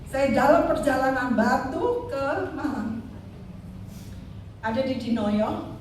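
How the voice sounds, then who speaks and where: A woman's voice: sits high, slow, darkish tone, a little hiss or hum. An older woman evangelist preaching a Christmas sermon with personal testimony, emphatic and addressing the congregation directly. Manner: emphatic, calls audience "saudara". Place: church hall. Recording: echoey hall from far off, faint ambience.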